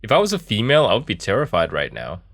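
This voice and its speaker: A man's voice: fairly low pitch, huge pitch swings, fast talker, fairly bright tone, no room sound, studio quality. A man giving casual, joking game commentary, thinking aloud in a laid-back, rambling way as he streams. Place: small office in a camper.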